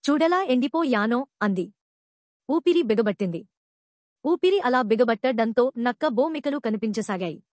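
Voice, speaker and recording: A woman narrating a children's fable in a steady reading voice. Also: a little high, moderate pace, long pauses, no echo, clean studio sound. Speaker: storyteller. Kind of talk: scripted story narration.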